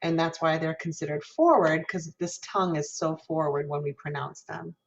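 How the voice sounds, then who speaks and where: A gravelly, low-pitched woman's voice at normal speed comes through dull, lo-fi video call audio carrying a little hiss or hum. She is a guest music professor from Minnesota leading an online diction lesson, describing vowels and voicing them aloud.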